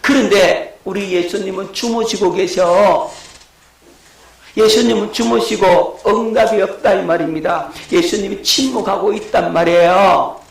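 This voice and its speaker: A man's voice: high voice, measured pace, gravelly, echoey room, poor audio. A middle-aged male pastor, preaching a lecture-style sermon and asking his congregation questions. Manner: rhetorical questions to the congregation, shouting acted quotes.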